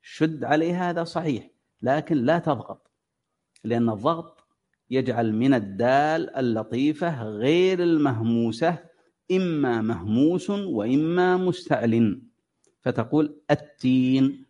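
A man's voice: medium pitch, animated, normal speed, a little mellow. A man teaching Quran recitation, patiently drawing out sounds as examples and quizzing his students. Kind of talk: classroom lesson on tajweed. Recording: dull lo-fi recording.

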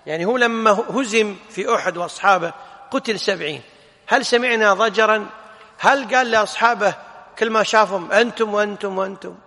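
A man teaches a religious text and throws rhetorical questions at his listeners. His voice sits high and carries a gravelly edge, and it comes across bright and forceful. A long reverb trails each phrase, as in a large hall. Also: fairly quick. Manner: animated, rhetorical questions, corrects the reader. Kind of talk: explaining a religious text in a lesson.

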